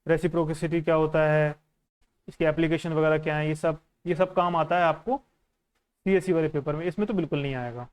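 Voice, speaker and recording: Going through a newspaper in an informal teaching session for exam students, this man explains things conversationally and mixes in English phrases. He sounds brisk and clean, on the high side, with fairly even intonation.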